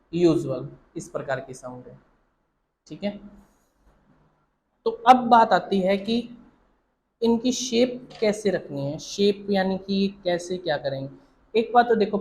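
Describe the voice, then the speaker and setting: A man's voice: sits high, darkish tone, a little hiss or hum, low-quality recording. A man teaching shorthand, explaining each point step by step, repeating himself and quizzing the listener.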